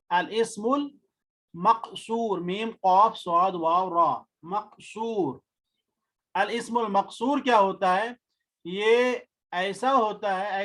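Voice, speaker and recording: A man teaching a grammar lesson in a patient way, saying key terms slowly and more than once. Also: sits high, fairly bright tone. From India. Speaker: Arabic teacher.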